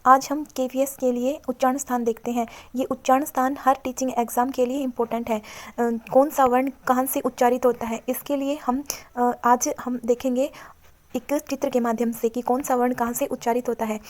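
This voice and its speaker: A woman teacher walks viewers through an exam-prep grammar lesson in a fairly high voice. Her pitch barely moves, keeping a flat, even line as she repeats points and tells viewers to look at the chart. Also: brisk. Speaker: Sanskrit teacher.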